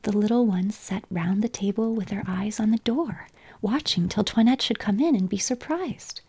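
A woman reads a storybook in a soft, whispered storytelling ASMR style. Her voice is almost all breath, with a gravelly rasp underneath. She keeps a slow, hushed delivery. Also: medium pitch.

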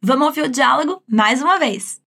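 Professora brasileira animada e aguda. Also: female voice, sits high, lively intonation, brisk, sharp tone. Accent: Brazilian. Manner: upbeat, chatty, encouraging. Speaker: French teacher. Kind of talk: language lesson.

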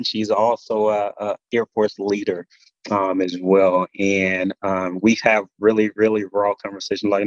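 Low-voiced Southern man, halting drawl. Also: no echo, dull audio. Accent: Southern US, Mississippi drawl. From Mississippi, USA. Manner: halting, many pauses and repeated words. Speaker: podcast guest, military senior leader. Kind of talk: casual interview conversation.

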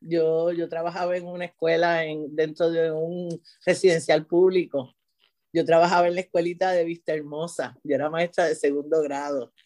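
A middle-aged Puerto Rican teacher talks loosely as a guest in a conversational interview, full of restarts and asides and frequently adding the tag "¿verdad?". Her voice is low, level, a little mellow, and at a normal speed.

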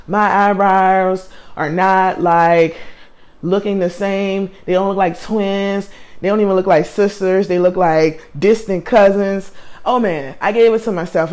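A woman's voice: mid-range voice, darkish tone. Woman, Southern US country accent, life coach hosting a podcast; casual, emphatic motivational chat. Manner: chatty and emphatic, often says "man" and "like". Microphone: podcast or livestream mic.

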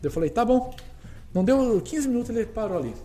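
A footballer guest with a Brazilian accent tells a story in casual conversation, animated and repetitive, acting out the dialogue. He speaks in a high voice at a rapid-fire pace.

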